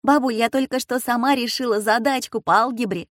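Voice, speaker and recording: A woman voicing a lively, teasing schoolgirl granddaughter in a storybook reading. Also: a little high, dry recording, clean studio sound, pitched above the performer's own voice, close to an everyday voice. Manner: quick, teasing and bright.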